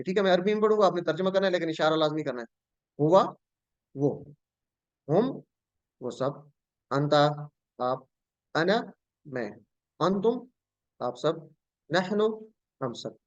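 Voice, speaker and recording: A man's voice: a little high, dry recording, dull audio. A man teaching a Quran and Arabic grammar lesson in an online class, speaking with a flavor, patiently repeating words and quizzing his students.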